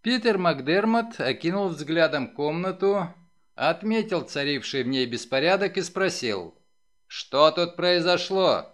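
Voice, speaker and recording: Man reading an audiobook, dramatic, high-ish voice, pitch all over the place. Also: expressive, unhurried. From Ukraine. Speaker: audiobook reader. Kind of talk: scripted narration of a novel.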